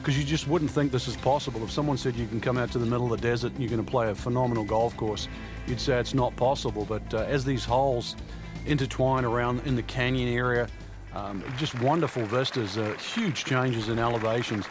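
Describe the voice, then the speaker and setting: A man's voice: medium pitch, steady tone, a little fast, natural voice. A man playing an easygoing golf analyst, giving conversational colour commentary with plenty of ums. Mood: admiring. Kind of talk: conversational golf commentary for a video game broadcast. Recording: music behind voice. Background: music.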